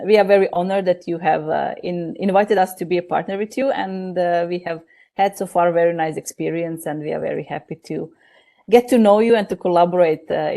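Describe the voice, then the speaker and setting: A woman from Croatia with a low, gravelly voice and a mellow tone. She talks politely and hesitantly as a podcast guest, with many fillers. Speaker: company CEO, podcast guest. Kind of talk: casual podcast conversation.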